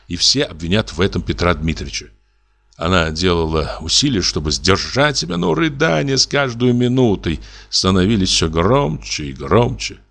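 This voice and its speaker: In an audiobook of classic fiction, a man with a lowish voice narrates at an even, measured pace. His expressive delivery carries the mood of the story.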